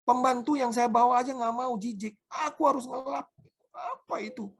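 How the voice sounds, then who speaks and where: A man voicing his wife's indignant complaints in a sermon, raising his pitch for her. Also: moderate pace, a bit bright, exaggerated voice. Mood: exasperated. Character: indignant wife, grown woman, former finance manager.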